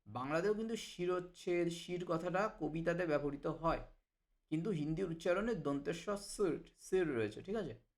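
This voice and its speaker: A man teaching Hindi vocabulary to Bengali speakers, explaining each word and repeating it slowly. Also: on the high side. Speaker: language teacher. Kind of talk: vocabulary lesson.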